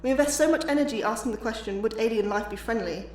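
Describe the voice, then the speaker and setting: Fast and fairly high-pitched, the woman's natural voice has a slightly mellow quality. She plays an earnest, somewhat awkward astrobiologist, eager but anxious, giving an academic lecture in an audio drama, recorded with echo in a distant-sounding hall with music.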